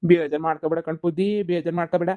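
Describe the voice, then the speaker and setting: Woman voicing a tired village husband, rushed grumbling, cartoon comedy. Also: lowish voice, steady tone, phone-quality sound, close to an everyday voice. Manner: complaining, rushed.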